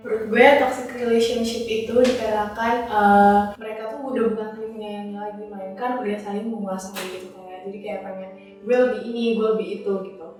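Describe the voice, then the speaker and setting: A woman's voice: medium pitch, level tone, fast, a little mellow, very echoey, distant mic, soft background music. A woman of twenty-one, a university student, gives her opinion casually, explaining her reasoning step by step.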